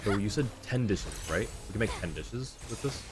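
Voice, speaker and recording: A man streams a game live from an indoor setup, giving casual commentary as he thinks aloud and reads out what's on screen and in chat. His fairly low voice is expressive and normally paced, with background noise and faint game music behind him.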